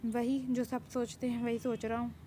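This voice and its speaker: A possessive young man from a mafia family, as a woman narrator puts him on. He speaks in a low-key, even voice with a soft, dark tone, like a story told aloud at home. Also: normal speed, slight background noise, close to an everyday voice. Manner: possessive, domineering. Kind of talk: storytelling with acted dialogue.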